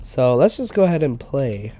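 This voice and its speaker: A man's voice: mid-range voice, warm tone. A man with a stuffy, sick voice giving casual let's-play commentary while he plays a game. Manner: chatty, thinks aloud while playing. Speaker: game streamer.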